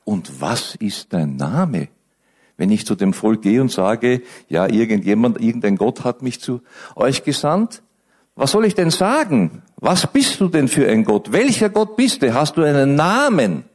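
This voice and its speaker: A man preaching a sermon, speaking to his listeners directly and building to emphatic peaks. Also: on the low side. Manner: slow, animated preaching with rising emphatic peaks.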